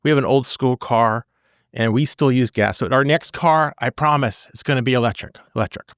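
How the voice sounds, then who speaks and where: A man's voice: medium pitch, moderate pace, a bit bright, smooth, no room sound, studio quality. A man in his forties hosting a podcast as a divorce attorney, talking casually and animatedly, repeating phrases for emphasis.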